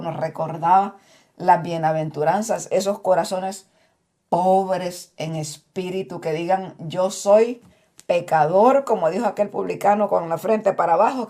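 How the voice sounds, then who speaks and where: A woman co-hosting a Bible study program, talking animatedly and acting out the voices she quotes. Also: fairly low pitch. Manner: animated, acts out quoted voices, laughs often. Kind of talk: conversational Bible teaching.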